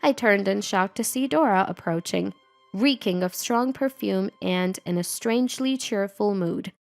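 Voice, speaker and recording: A woman reading a first-person revenge story as a scripted narration, in an even, measured way. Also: medium pitch, vocal fry, faint music behind.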